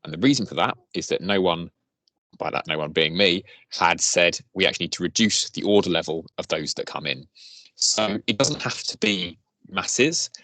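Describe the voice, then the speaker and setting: Low-pitched man, dry close sound, informal work presentation, explanatory, on a video call. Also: animated, normal speed, sharp tone, dry recording. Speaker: presenter, health service staff. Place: online meeting on a video call.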